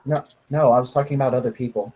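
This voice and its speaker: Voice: mid-range voice, steady tone, fast, warm tone. A player in a tabletop game, speaking casually and wryly. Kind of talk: tabletop role-play chat.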